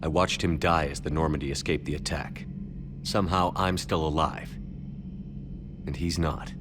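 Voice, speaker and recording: A man playing a steady, resolute military commander in a video game, firm and plain-spoken. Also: moderate pace. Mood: grave, resolute. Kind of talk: video game character dialogue. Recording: clear rumbling noise behind game dialogue.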